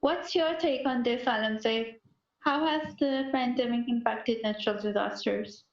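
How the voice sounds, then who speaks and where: A fairly high-pitched woman moderates a podcast and asks the panel questions at a slow, measured pace. Her voice sounds roomy and dull, like an online call. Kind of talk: asking questions.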